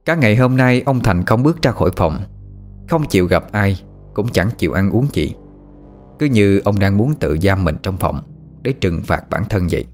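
A man's voice: on the low side, lively intonation, moderate pace, a little mellow, soft background music. A man narrating a ghost story with dramatic, suspenseful storytelling.

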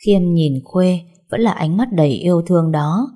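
Calm woman narrating a story. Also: lowish voice, normal speed.

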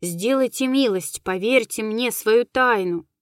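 A woman's voice: a little high, unhurried, smooth, no room sound, clean studio sound, lightly acted. Woman reading a startled young nobleman. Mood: alarmed. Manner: earnest, alarmed.

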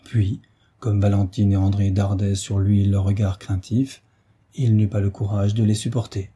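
A male audiobook narrator with a low voice. His tone is dark and muffled, and very husky and breathy. He reads a novel in a measured, steady way. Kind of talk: scripted narration.

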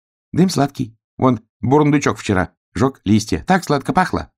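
A small, dreamy hedgehog from a storybook, as a man voices him, lifted into a higher, wondering tone. The voice keeps a husky, gravelly edge and rises and falls lively. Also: moderate pace. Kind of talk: storybook reading.

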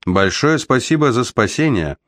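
A man's voice: medium pitch, big pitch swings, normal speed, a bit bright, no room sound, clean studio sound. A man voicing a young male driver who stays cool under fire, talking tersely through gritted teeth. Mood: relaxed.

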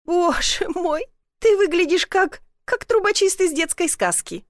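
A mocking young village woman from a storybook, quick to tease and laugh, voiced by a woman reading the book aloud. Her voice sits fairly high. It sounds dry and close. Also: big pitch swings, no echo. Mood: teasing.

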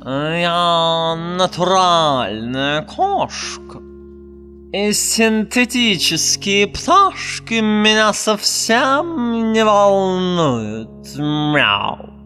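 A man's voice: high-pitched, animated, bright, forceful tone, faint music behind, voice pushed up, heavily acted. A man doing a lazy, purring forest cat. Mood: haughty. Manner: purring, unhurried, drawling.

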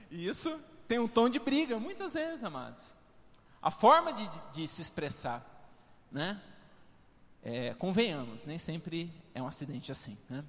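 A man's voice: fairly high pitch, big pitch swings, a little slow, in a large hall. A male pastor preaching a conversational, humorous sermon, often tagging his sentences with questions to the congregation. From Brazil. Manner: humorous, conversational, constant tag questions, addresses congregation as "amados". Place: church hall.

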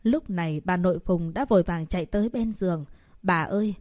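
A woman narrating a serialized romance novel as an audiobook reader, in steady storytelling. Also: on the low side, fairly quick, dry recording, studio quality.

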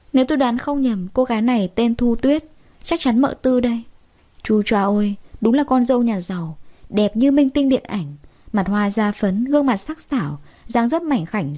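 A woman narrating a first-person story with expressive, chatty asides. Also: mid-range voice.

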